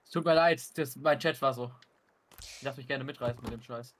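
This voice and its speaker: A man's voice: medium pitch, fairly quick, slight background noise. A young man chatting casually and teasingly as a co-player in a game stream. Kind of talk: casual gaming chat.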